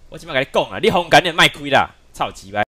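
A man's voice: fairly high pitch, animated, racing, bright, forceful tone. A man with a Taiwanese Mandarin accent, a game streamer ranting and cursing nonstop while he plays. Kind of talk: raging live-stream rant.

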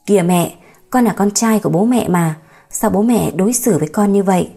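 A woman's voice: mid-range voice, fairly quick, vocal fry, mellow, breathy edge, soft background music. A woman voicing a remorseful young husband in an audiobook story, emotional and pleading. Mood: defiant.

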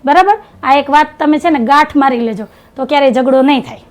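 A woman's voice: sits high, fast talker. A middle-aged woman, chatting casually in a home vlog, teasing and giving homespun advice. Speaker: family vlogger.

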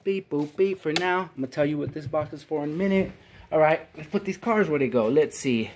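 A man's voice: fairly high pitch, a little fast, heavy background noise. Enthusiastic man hosting a diecast car vlog. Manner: enthusiastic, playful beep-boop sound effects. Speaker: diecast collector channel host. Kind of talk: casual toy car review vlog. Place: his basement collection room.

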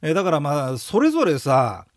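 A man's voice: a little high, wildly swooping pitch, normal speed, no echo, studio quality. A man giving a recorded audio lecture for exam prep, talking casually, joking and leading rhythmic memory chants.

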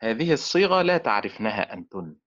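A male lecturer teaching an online class. He speaks slowly and deliberately, sounds out syllables, and leaves questions half finished for his students to complete. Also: fairly low pitch, sing-song, a bit bright. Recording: dull lo-fi sound.

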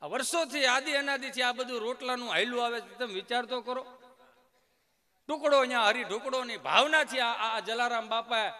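Male stand-up comic, high and bright, lively storytelling. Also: normal speed. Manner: animated storytelling. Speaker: stand-up comedian. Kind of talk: live stage comedy. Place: stage at a temple event.

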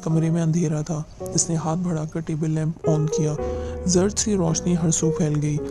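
A man giving a dramatic audiobook narration of a novel, with a measured storytelling delivery that slows for tense moments. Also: a little high, little pitch movement. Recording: narration over loud background music.

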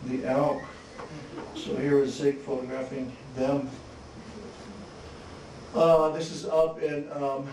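A man presenting his photographs at a symposium, talking in a relaxed, halting way with many restarts and chuckles. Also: medium pitch. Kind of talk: slide talk at a symposium. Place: museum lecture hall. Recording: echoey hall, distant mic, faint hiss.

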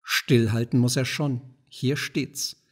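A man's voice: medium pitch, steady tone, slow, slightly rough. A man voicing a shrewd, self-satisfied merchant senator who speaks in an old-fashioned, formal way, read in an audiobook. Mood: self-assured.

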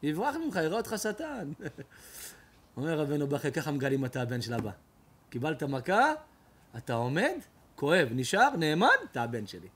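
A man, a rabbi, preaching an emotional storytelling sermon, shifting dramatically between loud outcries and hushed tones. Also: mid-range voice, very animated, pauses often, a little hiss or hum.

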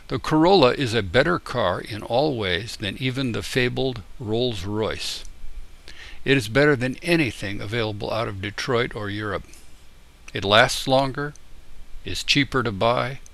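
Older man, from the United States, reads letter aloud, deliberate, sharp edgy tone. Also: mid-range voice, creaky. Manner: deliberate and explanatory. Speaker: tutor and YouTuber.

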